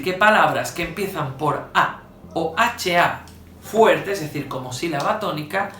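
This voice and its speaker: A bright, forceful male voice explains grammar like a teacher, spelling out examples slowly and with stress. The room rings with echo, and faint music plays underneath. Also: on the high side. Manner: slow, stressed examples with frequent "¿vale?" checks. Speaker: Spanish teacher. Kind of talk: spoken grammar lesson.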